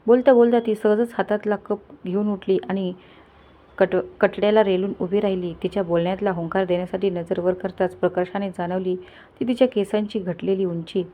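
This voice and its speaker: A woman's voice: mid-range voice, steady tone, brisk, narrow, tinny audio. A woman reading a family story aloud as a scripted narration, voicing the characters' lines herself. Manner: reads all characters' dialogue in a lightly shifted voice.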